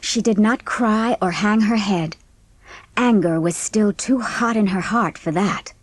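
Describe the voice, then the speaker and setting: A woman reads a storybook aloud in a scripted audiobook style, taking her time. Her voice is mid-pitched, and the recording is dry with no room echo.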